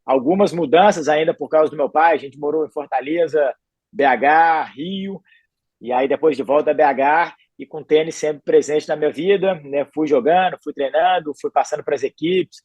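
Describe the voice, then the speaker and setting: A man in his forties from Belo Horizonte, a retired tennis player, telling his story in a calm, easygoing way as a podcast guest. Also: on the high side, moderate pace, no echo. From Belo Horizonte, Brazil. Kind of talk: relaxed interview storytelling. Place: podcast studio.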